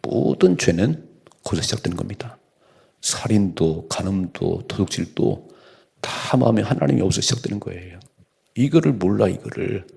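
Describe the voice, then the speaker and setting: A man's voice: on the low side, lively intonation, moderate pace, vocal fry, warm tone, slightly rough. A man preaching as pastor at an early-morning church service, exhorting his listeners with emphatic urging. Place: church sanctuary.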